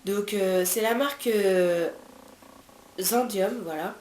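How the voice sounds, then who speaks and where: A woman's voice: mid-range voice, slow pace, darkish tone. Chatty French woman in an echoey room. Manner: chatty, many fillers and restarts. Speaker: beauty vlogger. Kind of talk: casual product review. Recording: roomy echo, faint background hiss.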